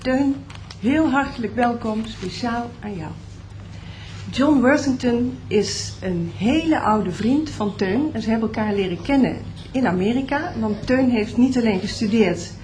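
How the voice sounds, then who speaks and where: A woman opens the event with a measured, welcoming introduction. Her voice sits a little on the higher side. Faint ambience of the hall lingers underneath. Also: darkish tone, a little hiss or hum. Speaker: event presenter. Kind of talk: formal introduction. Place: event hall at a building opening.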